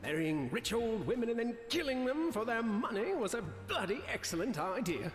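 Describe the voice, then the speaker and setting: An actor playing a pompous, shameless British gentleman villain in a video game, theatrical and full of old-fashioned slang. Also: very high-pitched, sing-song, moderate pace, roomy sound, long reverb tail, soft background music. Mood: indignant, smug. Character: pompous, shameless gentleman villain who murders rich wives. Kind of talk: video game character acting.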